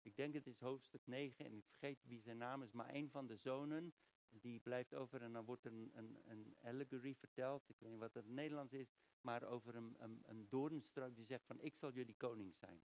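A man's voice: mid-range voice, fairly even intonation, moderate pace, darkish tone, low-quality recording. A man preaching a sermon, reading verses aloud and explaining them in a conversational way, often searching for words and restarting.

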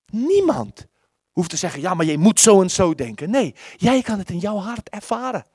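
Impassioned preacher with a lively, swooping voice. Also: medium pitch, no room sound, studio quality. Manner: impassioned, with dramatic pauses and repeated words; acts out the biblical quotes. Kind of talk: sermon.

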